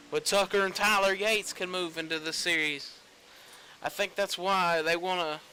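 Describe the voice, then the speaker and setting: Young man, race commentator, high bright voice, casual play-by-play, faint background hiss. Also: low-quality recording. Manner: casual, rambling, excited on race finishes. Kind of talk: play-by-play sim racing commentary.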